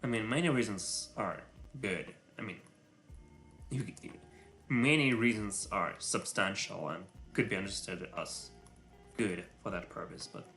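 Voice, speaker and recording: A man with a Russian accent works through code on a live stream in a low, unhurried voice. He talks to himself in halting bursts full of filler sounds. He sounds self-conscious about his English. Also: pushed and bright, faint music behind. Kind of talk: live coding stream, thinking aloud.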